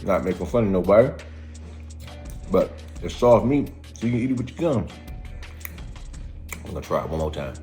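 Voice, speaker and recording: Lively, folksy American man vlogging. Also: sits low, moderate pace, long pauses, soft background music. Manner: folksy, colloquial phrasing. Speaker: video host. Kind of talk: casual how-to vlog chat.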